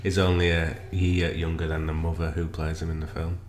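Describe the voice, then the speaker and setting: A man's voice: rumbling low, flat delivery, a little fast. A young man with a West Yorkshire accent, co-hosting a podcast, chatty and full of questions. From West Yorkshire, England. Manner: chatty, asks lots of questions. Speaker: podcast co-host. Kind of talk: casual chat. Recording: echoey room with faint noise.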